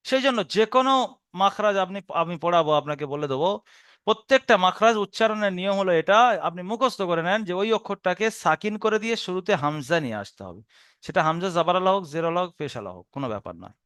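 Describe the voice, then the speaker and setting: A man teaching where Arabic letters are pronounced, patiently repeating and demonstrating each sound slowly, with a Bengali accent. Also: high voice, fairly bright tone, clean tone, dry recording, clean studio sound. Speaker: Quran recitation teacher. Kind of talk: explaining Arabic letter pronunciation.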